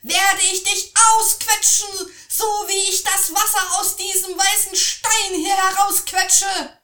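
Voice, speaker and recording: A woman's voice: a little high, animated, a little slow, a bit bright, voice pushed up. A woman voicing a clever, boastful young farm boy who bluffs his way along. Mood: shouting threat. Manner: cocky, bluffing. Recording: echoey room.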